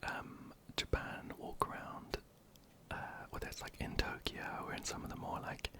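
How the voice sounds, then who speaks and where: An ASMR creator, whispering softly and hesitantly while answering viewer questions into a close microphone. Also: moderate pace. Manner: soft, hesitant, many ums and restarts.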